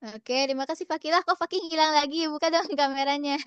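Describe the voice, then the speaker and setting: A woman's voice: high-pitched, fairly even intonation, quick pace, a bit bright, no room sound, lo-fi sound. A young woman presenting an online workshop from a relative's home in a casual, cheerful way, often laughing and slipping in English phrases. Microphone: video call.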